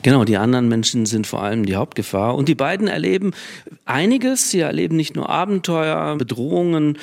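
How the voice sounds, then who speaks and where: A man hosting a radio book discussion and moderating it in a measured way. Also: a little high, lively intonation, creaky, darkish tone. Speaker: host.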